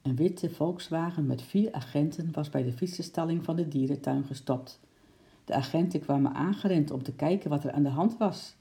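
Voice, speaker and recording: A man reading a children's story aloud in lively storytelling style, switching into voices for the characters. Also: a little high, moderate pace, vocal fry. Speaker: narrator.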